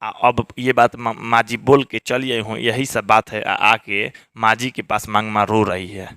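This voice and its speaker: A man's voice: lowish voice, level tone, a little slow, bright, forceful tone, dry recording, studio quality. A male teacher, explaining a story in a lesson and acting out the characters' lines in a raised voice.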